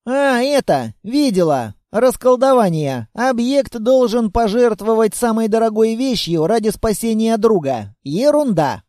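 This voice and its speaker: A man voicing a stubborn, excitable young girl in an audiobook, with quick, indignant outbursts. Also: very high voice, no room sound, studio quality, pitched above the performer's own voice. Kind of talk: audiobook character voice.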